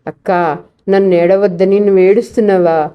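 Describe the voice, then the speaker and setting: Woman doing a soft caring little brother, storybook, muffled audio. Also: medium pitch, fairly even intonation, moderate pace, clear, resonant tone, natural voice. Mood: coaxing. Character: small loving younger brother, boy.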